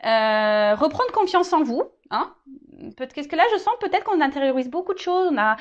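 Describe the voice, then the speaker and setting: A woman's voice: high voice, animated, normal speed, lo-fi sound. A woman giving a casual tarot reading to her viewers, hesitant, restarting and repeating words, often tagging on little asides. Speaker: tarot card reader.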